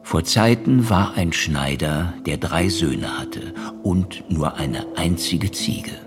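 A man narrating a fairy tale in an expressive storytelling manner. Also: low voice, takes it slowly. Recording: music behind.

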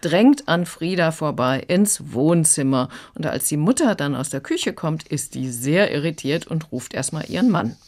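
A woman's voice: low-pitched, moderate pace, few pauses. Woman critic retelling a children's book. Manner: calm, chatty retelling. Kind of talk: radio book review.

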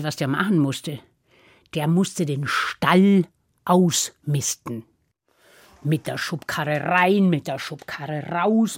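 A woman telling a fairy tale to children in a lively, playful way, acting out the characters with big swings in her voice. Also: lowish voice, no room sound, clean studio sound. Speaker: storyteller. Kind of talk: storytelling for children.

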